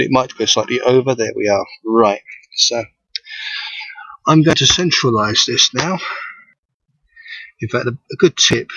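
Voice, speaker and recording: A man, an amateur astronomer, gives a live how-to commentary outdoors, thinking aloud as he works, his voice thin and tinny with no bass. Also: fairly bright tone, dry recording. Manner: thinking aloud while working. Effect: thin tinny sound with no bass. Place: outdoors at night. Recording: dull lo-fi outdoor recording.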